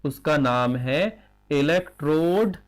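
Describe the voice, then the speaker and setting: A man's voice: on the high side, expressive. A man teaching a chemistry class, who asks questions and answers them himself, repeats key terms and slips in English phrases. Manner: dictates slowly while writing. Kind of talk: classroom lecture.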